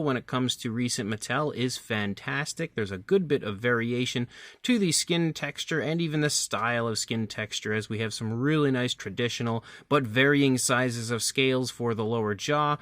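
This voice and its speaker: A man's voice: medium pitch, a bit bright, no echo. Chatty guy hosting a toy review, upbeat, goes into lots of detail, dry room. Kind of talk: casual product review.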